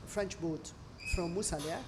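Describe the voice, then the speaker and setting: Against a noisy background, a middle-aged woman from Lebanon speaks unhurriedly in a fairly low voice. She runs a restaurant and, interviewed over a meal, narrates expressively in English that is imperfect and non-native.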